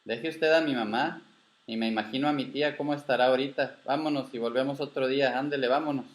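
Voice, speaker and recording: A man reading a story aloud and voicing an earnest young granddaughter who pleads in a slightly raised, slowed voice. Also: mid-range voice, fairly even intonation, pitched above the performer's own voice, natural voice. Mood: pleading. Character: brave, worried young granddaughter on a ranch.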